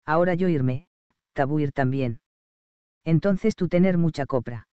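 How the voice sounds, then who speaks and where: A man's voice: fairly high pitch, a little slow, darkish tone, clear, resonant tone, no room sound, muffled recording, lightly acted. A man voicing a proud young island woman who speaks in broken, simple phrases, hurt and earnest.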